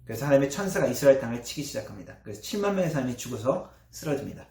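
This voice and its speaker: A man preaching a sermon as pastor, with earnest emphasis and soft trailing endings. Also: mid-range voice, very animated, very fast. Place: church sanctuary. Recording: echoey church hall.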